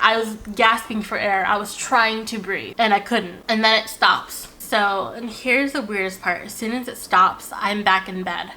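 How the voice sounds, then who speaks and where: Bright-voiced young woman telling a story. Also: mid-range voice. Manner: animated, swears often, many fillers. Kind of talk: casual storytelling vlog.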